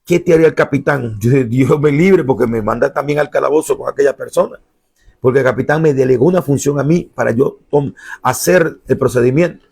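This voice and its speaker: A man's voice: a little fast, creaky, breathy edge. A man preaching a sermon, impassioned, acting out the voices he quotes. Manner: impassioned, acts out quoted voices, pitch jumps high when shouting.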